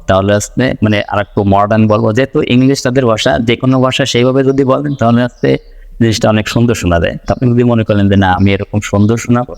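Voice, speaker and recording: A man's voice: on the low side, a little mellow, in a large hall. A man from Bangladesh teaching a spoken English lesson, explaining patiently and repeating his points as he writes them out.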